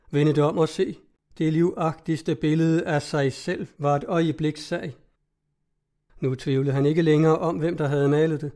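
A man reading a story aloud in an even, measured way. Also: a little high. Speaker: narrator. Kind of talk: audiobook narration.

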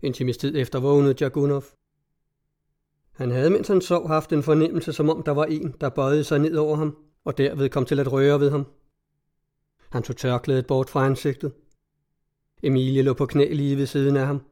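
A man narrating a story as an audiobook, in a steady, measured reading voice. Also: mid-range voice.

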